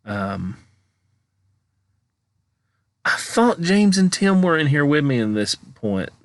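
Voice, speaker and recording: A man giving casual, halting director's-cut commentary over his own investigation footage, rambling and thinking aloud as a vlogger does. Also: fairly high pitch, very animated, no room sound.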